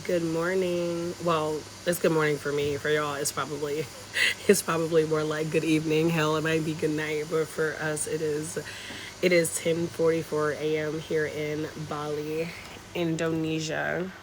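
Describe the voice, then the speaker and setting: A young woman from North Carolina with a Southern American accent chats casually on her phone with live-stream viewers from an outdoor hotel patio, as a travel vlogger. Her voice is low with little pitch movement and a slightly slow pace. The recording is low quality, with some hiss or hum.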